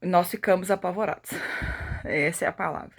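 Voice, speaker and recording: Husky Brazilian woman giving testimony. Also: on the low side, normal speed. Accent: Brazilian Portuguese. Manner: emotional storytelling, acting out the dialogue she retells. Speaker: testimony speaker.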